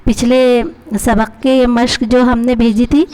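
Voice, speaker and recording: A woman's voice: a little high, little pitch movement, dark tone. A woman teacher with a Pakistani accent, reading a story to her class and explaining each line with questions to her pupils. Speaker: Urdu teacher.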